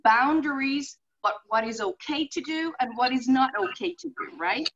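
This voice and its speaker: A middle-aged Finnish horse behaviorist with a Finnish accent and a high voice speaks earnestly at normal speed as a guest on a video call from a room at home, a crowd audible behind her. She explains with examples, saying "you know" a lot, over muffled call audio with faint hiss.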